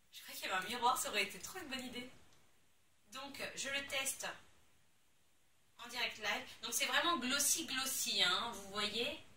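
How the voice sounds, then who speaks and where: A young woman gushes over the products she unboxes, casual and full of exclamations. Her voice is quite high and very bright. It sounds roomy and echoey, with her a little away from the mic and a faint hiss behind. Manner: excitable, gushing, exclamations. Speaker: beauty vlogger. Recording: echoey room, somewhat far from the mic.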